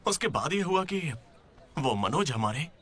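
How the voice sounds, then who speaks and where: A man dubbing a young man who recalls events in a relaxed, storytelling way. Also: on the high side, measured pace, heavy background noise. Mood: recalling. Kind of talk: Hindi film dubbing. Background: music.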